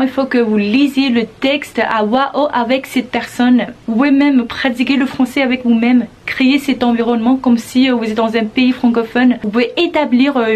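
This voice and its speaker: A woman teaching in a calm, encouraging manner, explaining step by step with some hesitant fillers. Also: a little high. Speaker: French teacher. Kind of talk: casual video lesson.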